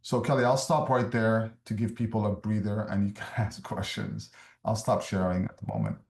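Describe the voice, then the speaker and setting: A man from Somalia giving a measured, explanatory webinar talk on refugee services, with frequent fillers. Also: fairly low pitch, expressive, creaky, a little mellow, echoey room. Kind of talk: webinar presentation.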